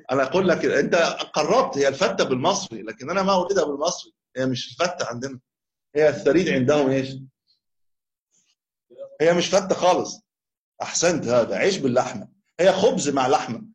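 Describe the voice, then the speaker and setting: A man teaching a religious text to a class, joking casually with his students. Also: mid-range voice. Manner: fast, casual banter with students after formal recitation. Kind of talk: lecture on a creed text.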